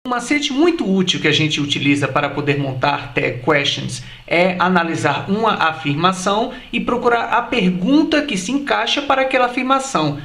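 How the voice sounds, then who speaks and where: A male teacher explains a grammar point step by step, with a high and very animated voice. He slows right down to say each example phrase carefully. The recording carries a noticeable room echo. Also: creaky. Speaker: English teacher. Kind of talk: explanatory video lesson.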